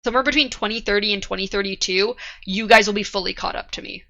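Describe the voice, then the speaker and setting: A woman's voice: medium pitch, fast talker, pushed and bright, dull audio. A woman in her thirties hosting a casual book club podcast, laughing often and swearing now and then. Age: 30s. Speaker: podcast host.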